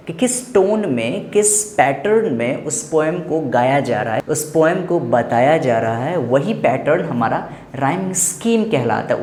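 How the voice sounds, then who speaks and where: A man's voice: on the high side, darkish tone. A man with an Indian accent explaining a lesson step by step, repeating each point with emphasis and urging the viewer to look closely. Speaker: teacher. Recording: echoey room with faint background noise.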